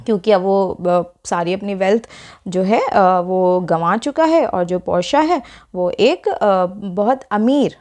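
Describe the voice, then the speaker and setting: A woman teacher explaining a textbook lesson, defining each term step by step and reading English lines slowly and deliberately. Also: mid-range voice, a little mellow. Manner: explains terms step by step, checks with frequent "okay" asides.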